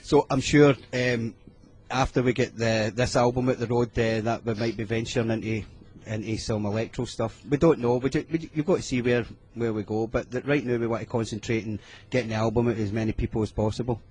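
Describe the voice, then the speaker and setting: A man's voice: medium pitch, fairly even intonation, a little fast, hardly any pauses, darkish tone, slight background noise. A Scottish man guesting in a radio studio, chatting casually and rambling with lots of ums and restarts. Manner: rambling, hesitant, with many fillers and restarts. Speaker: music producer guest. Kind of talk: casual radio interview chat.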